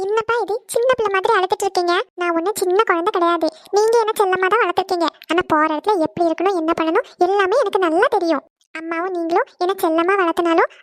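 A woman voicing a squeaky pouty young bride. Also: no echo, studio quality. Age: young adult. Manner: quick, high and pouty. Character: spoiled young bride from a rich family. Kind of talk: cartoon voice acting.

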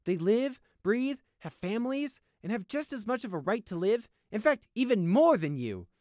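A man voicing a brash, righteous male unicorn guard in an audiobook, cocky and quick to indignation. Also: high-pitched, expressive, no echo, clean studio sound, pitched above the performer's own voice. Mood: outraged.

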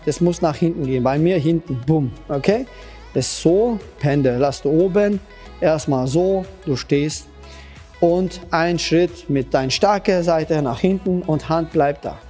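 A man's voice: fairly high pitch, mellow. Patient man coaching kids in simple phrases. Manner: simple, slightly broken phrasing, direct address to kids; patient, repetitive, demonstrating as he talks. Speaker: Krav Maga kids' trainer. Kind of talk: instructional talk to children.

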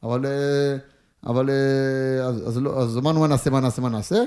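A man's voice: medium pitch, steady tone, warm tone. A man who is a guest on a podcast, telling a long funny story in casual chat and acting out what people said. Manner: rambling, jokey storytelling with acted-out quotes.

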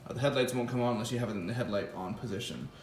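A vlogger with a mid-range voice races through a casual explanation of his electric motorcycle's wiring, musing aloud with fillers and restarts. The clip was shot close on a phone in a home garage, with an echoey room and a bit of hiss or hum.

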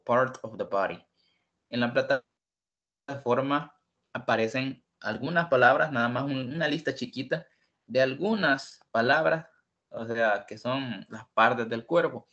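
A man's voice: medium pitch, a bit bright, lo-fi sound. A man teaching an online English lesson, patiently repeating each word several times. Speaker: English tutor.

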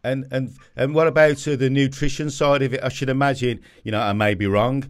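An older man talking into a studio condenser mic, chatty and animated as he hosts a relaxed interview. His voice sits at a middle pitch and comes across clean and close. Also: a little fast. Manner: chatty, animated storytelling questions. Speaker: podcast host, gym owner. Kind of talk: casual interview. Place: indoor home gym with brick wall. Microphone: studio condenser mic with headphones.

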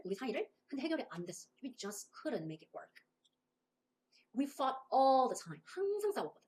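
A young adult woman teaching a beginner English lesson, explaining in lively Korean and modeling English phrases slowly. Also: a little high.

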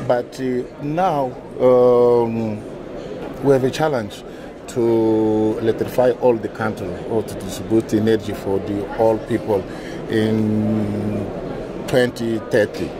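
A middle-aged man, a native Portuguese speaker with a thick foreign accent, giving halting interview answers in non-native English. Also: medium pitch. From Mozambique. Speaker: utility manager being interviewed. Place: indoor conference interview booth. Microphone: lapel. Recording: busy event hall chatter behind.

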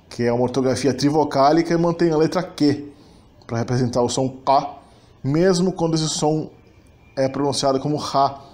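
A man's voice: fairly high pitch, darkish tone. A man with a Brazilian Portuguese accent, hosting a linguistics channel and explaining grammar step by step, sometimes correcting himself mid-sentence. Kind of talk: explanatory language lesson.

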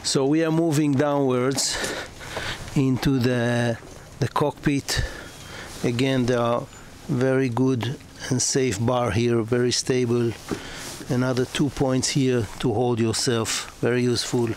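Touring a moored sailboat in a marina, both on deck and below, a yacht broker narrates in a slow, halting way, full of fillers and restarts. His mid-range voice is flat and darkish, caught on noisy outdoor camera audio.

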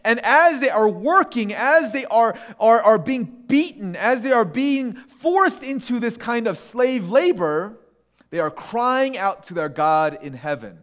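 Animated, high-voiced male preacher. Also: measured pace. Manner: animated, conversational preaching with restarts and acted asides. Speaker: pastor. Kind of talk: sermon.

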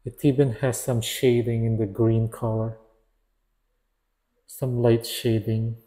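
A man's voice: medium pitch, flat delivery, takes it slowly, warm tone. A man reviewing an action figure in a casual, hesitant way, often stopping to restart and correct himself. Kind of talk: casual product review narration.

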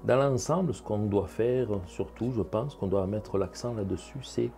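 Dark-voiced painter chatting through his work. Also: fairly low pitch, normal speed, faint music behind. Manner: chatty, thinks aloud, addresses viewers with "hein" and "vous voyez". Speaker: painting instructor. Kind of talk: casual painting demonstration.

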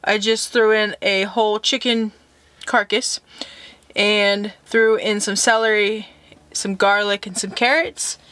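A woman vlogger chatting casually about camp cooking, relaxed and fond of saying "like". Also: medium pitch. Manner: relaxed, chatty, says "like" often. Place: campsite outdoors.

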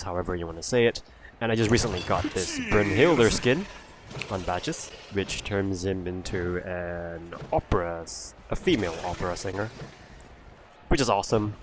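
A man giving chatty, casual gameplay commentary, getting excitable during fights. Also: low-pitched, background noise. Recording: voice over loud game music.

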